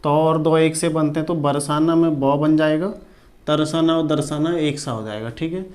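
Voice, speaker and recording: Male shorthand tutor, raised pitch, patient, repeats each word. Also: steady tone, darkish tone. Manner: repeats each word slowly, checks in with "ठीक है". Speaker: shorthand teacher. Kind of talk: classroom lesson.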